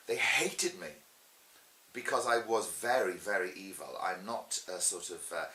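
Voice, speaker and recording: A middle-aged man, a pantomime performer, recounts anecdotes animatedly in an interview, with chatty theatrical emphasis. His low voice is unhurried, bright and forceful, heard with a roomy echo and faint hiss in the background.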